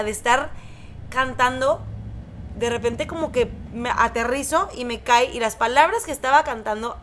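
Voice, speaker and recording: Brief: Mexican woman, podcast host, bright and slightly high voice, chatty, full of fillers. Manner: animated storytelling with many fillers. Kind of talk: casual chat.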